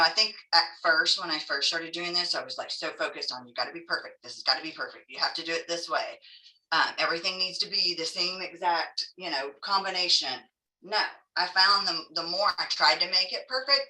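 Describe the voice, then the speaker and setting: A woman teaching a craft class in a casual, chatty, encouraging way, demonstrating step by step, with soft r sounds that lean toward w. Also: lowish voice. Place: indoor room, teaching an online class. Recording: echoey room, distant microphone.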